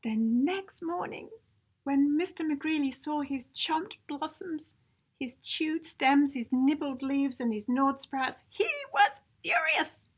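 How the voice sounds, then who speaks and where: Reading slowly in a high-pitched voice, a woman brings a picture book to life for little kids. Her delivery is playful and dramatic, with extra emphasis on sound effects and adjectives.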